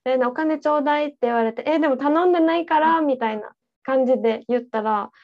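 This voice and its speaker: A young woman with a high, bright voice chats casually as a podcast co-host, telling travel stories and laughing easily. The sound is a little dull and lo-fi. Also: fast talker. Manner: chatty storyteller, laughs often. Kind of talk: casual chat.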